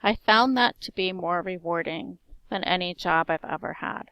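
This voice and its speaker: A teacher in her forties introduces herself in a lowish, strong voice that carries, at a moderate pace and with a slight slur on her S sounds. She lists things in short, even phrases in this personal monologue. The recording is dry with no room sound, and the audio is poor.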